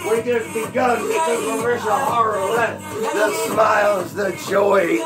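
A man delivering a rambling, excited fan rant, shouting and whooping as he goes. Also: sits high. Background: music.

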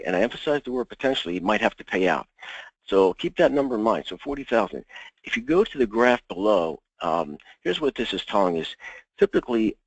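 A man giving an insurance webinar, walking through slides in a halting way with many ums and uhs. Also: lowish voice, no echo, low-quality recording. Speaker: insurance sales presenter.

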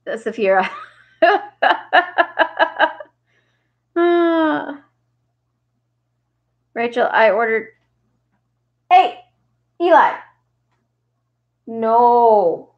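A woman's voice: medium pitch, brisk, lo-fi sound. A woman hosting a casual crafting livestream, chatting with viewers and reading their comments aloud with frequent laughs.

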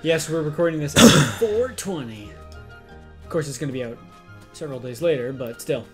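A man's voice: a little high, expressive, moderate pace, over music. A young man chatting casually and sarcastically as co-host of a gaming session. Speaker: let's play co-host.

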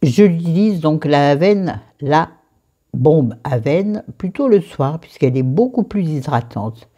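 A woman with a low, mellow voice runs through her skincare routine from her bedroom, her pitch swinging up and down as she talks. She rambles cheerfully, pokes fun at herself and throws in crude asides. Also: animated, takes it slowly, breathy edge, lo-fi sound. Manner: chatty, rambling, self-mocking, with crude asides. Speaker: beauty vlogger. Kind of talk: casual skincare vlog. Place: bedroom at home.

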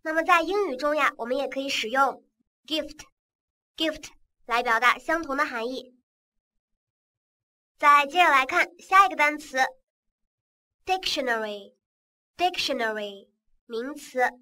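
A woman English teacher giving a vocabulary lesson, patiently repeating words and spelling them out slowly in a coaxing classroom tone. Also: sits high, pushed and bright.

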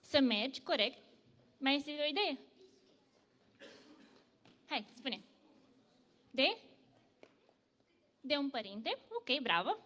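A woman telling a story to children at church, lively and full of questions for the kids. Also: high voice, pauses often, in a large hall. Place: church hall.

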